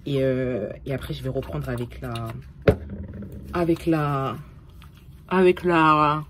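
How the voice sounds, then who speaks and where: Young woman, low-pitched voice, tired, casual vlog chat, swears a lot, mixes in English, faint hiss. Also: measured pace, darkish tone. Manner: chatty, swears often, mixes English phrases into her French. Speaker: vlogger.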